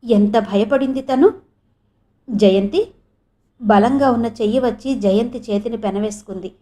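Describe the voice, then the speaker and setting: A woman narrating a novel as an audiobook in a measured, expressive storytelling manner. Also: on the high side. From India.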